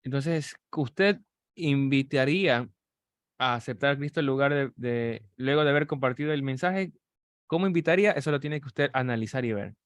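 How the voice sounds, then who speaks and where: A male preacher tells a personal story in an animated way, slipping into the voices of the people in it. He speaks straight to his listeners with practical advice. His voice is mid-pitched and sounds dry and close. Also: moderate pace, clean tone, no room sound. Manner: animated storytelling, acting out quoted dialogue; addresses the audience directly with practical exhortation. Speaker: preacher teaching evangelism.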